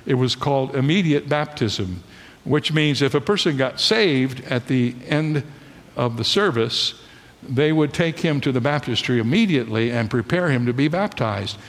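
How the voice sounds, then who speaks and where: A middle-aged male pastor delivers an animated sermon in a church sanctuary. He tells stories with energy and slows down to press home key lines. His medium-pitched voice rings with the long reverb of a large hall. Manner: animated storytelling preacher, slows for emphasis.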